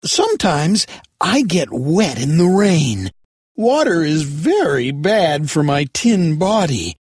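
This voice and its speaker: A wistful tin man from a storybook, played by a narrator, speaking slowly with a husky, swooping voice. He is gentle, polite and earnest. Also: mid-range voice, big pitch swings, no echo, studio quality, pitched above the performer's own voice, heavily acted. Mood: grateful, curious. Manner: earnest, plaintive, deliberate.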